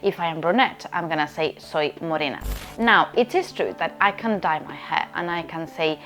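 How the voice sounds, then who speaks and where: A woman's voice: low voice, moderate pace, fairly bright tone, faint music behind. Spanish woman teaching a language lesson. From Spain. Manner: explanatory, repeats "okay?" to check understanding.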